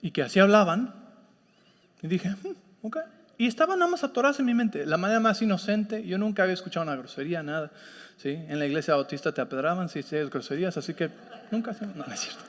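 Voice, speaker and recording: A man's voice: sits high, expressive, fast. A pastor preaching in a conversational way, often checking whether his listeners follow him. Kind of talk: sermon with personal story. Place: church sanctuary. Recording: long reverb of a church hall.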